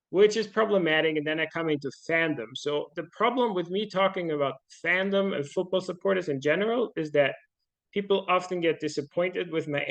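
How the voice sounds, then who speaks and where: A man's voice: fairly high pitch, gravelly, a bit bright. A middle-aged man from Austria, a podcast guest talking casually and thoughtfully, with many fillers and restarts. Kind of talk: casual interview talk.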